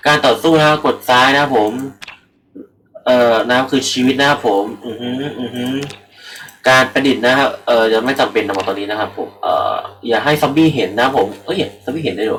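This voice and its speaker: A man's voice: medium pitch, a bit bright, poor audio. A young man giving rambling, casual let's-play commentary into a computer microphone, swearing freely and talking to his viewers. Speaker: gaming channel host.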